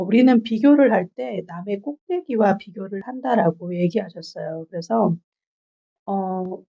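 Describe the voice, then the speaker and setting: Warm husky woman in her forties. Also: mid-range voice. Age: 40s. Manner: measured, reflective, pauses on filler sounds. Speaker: book reviewer. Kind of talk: book review monologue from notes. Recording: dull lo-fi recording.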